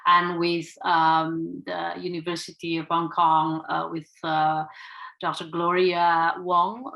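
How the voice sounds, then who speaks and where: A woman from Indonesia gives a conference lecture, pausing often with fillers and restarts. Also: on the low side, bright, forceful tone, rough recording. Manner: halting, many fillers. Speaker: conference speaker.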